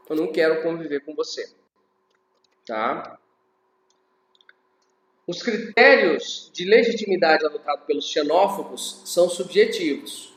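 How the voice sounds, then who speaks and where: A man's voice: fairly high pitch, echoey room, slight background noise. A man teaching a recorded class lecture in a conversational way, often checking in with tag questions.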